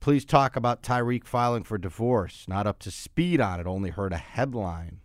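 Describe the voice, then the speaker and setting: A man's voice: fairly low pitch, animated, normal speed, no room sound. Male sports radio host, close dry sound. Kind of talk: casual sports talk and commentary.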